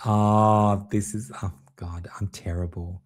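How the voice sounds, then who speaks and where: A man's voice: on the low side, flat delivery, slow pace. A man hosting a casual tarot livestream, theatrical and giggly, calling his viewers darling. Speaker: tarot reader streaming host.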